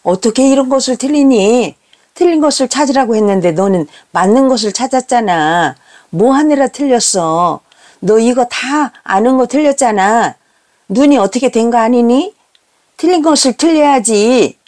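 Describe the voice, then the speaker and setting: A woman voicing a strict middle-aged mother who scolds her children with sharp, reproachful questions. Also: mid-range voice, very animated, a little slow, pauses often. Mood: scolding.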